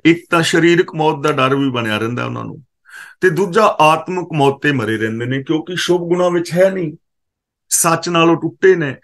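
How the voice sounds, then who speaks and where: A man from Punjab gives a katha scripture exposition, his voice sitting slightly high for a man. He chants each verse in a slow, drawn-out way, then explains it word by word in a teaching tone, pausing to correct how the words are pronounced. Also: a bit bright. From Punjab, India.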